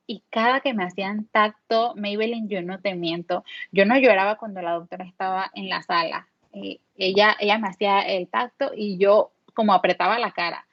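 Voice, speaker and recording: A woman's voice: medium pitch, dry recording. A young woman from Panama with a Panamanian Spanish accent, a podcast guest candidly retelling a personal story with many fillers. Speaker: guest mother. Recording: dull, dry lo-fi audio.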